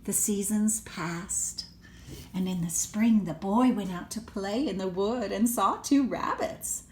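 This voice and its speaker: Reading aloud to children, this grandmother uses a medium-pitched voice and takes it slowly, with dramatic emphasis, gasps, hushed asides and chatty comments along the way. The recording is rough, with slight background noise.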